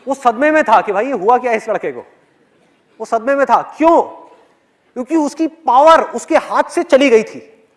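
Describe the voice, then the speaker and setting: On stage before a live audience, a motivational speaker with a very high-pitched, expressive voice tells a personal story with animation at normal speed. He puts questions directly to the crowd.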